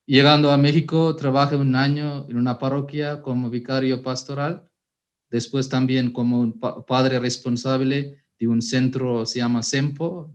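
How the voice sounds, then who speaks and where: A man, a priest and formator, giving a personal testimony at a workshop. His voice sits at an ordinary middle pitch, and he talks at an easy pace, pausing and correcting himself often as he goes. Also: lo-fi sound. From Sri Lanka. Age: 30s. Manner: unhurried, with frequent hesitations and self-corrections.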